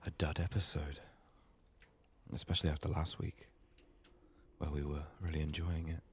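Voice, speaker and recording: With a bass voice and flat delivery, a gaming video host quietly murmurs his thoughts during a playthrough, partly whispering. He sounds strained from being sick, unhurried and casual, with slight background noise.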